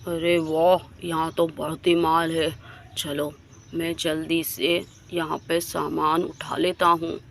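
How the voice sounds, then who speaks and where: A woman voicing a sneaky, greedy male burglar who mutters low to himself in a doll story. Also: level tone, a little slow, a little hiss or hum, natural voice.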